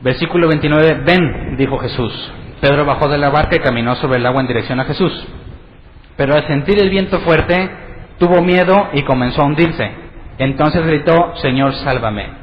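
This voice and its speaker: Pastor guy teaching a bible study, fairly high voice, chatty, lots of questions, echoey church hall, dull lo-fi audio. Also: moderate pace, a little hiss or hum. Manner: conversational, asks the congregation questions.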